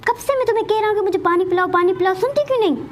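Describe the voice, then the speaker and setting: A woman's voice: extremely high pitch, rapid-fire, a little hiss or hum. A woman voicing an impatient, angry young husband who scolds and complains in a game role-play. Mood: scolding.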